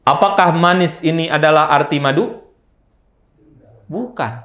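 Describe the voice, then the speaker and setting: A man's voice: a little high, unhurried, fairly bright tone, roomy sound. A man giving a religious study lecture, often asking his listeners questions and answering them himself. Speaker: Islamic teacher. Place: mosque office study hall.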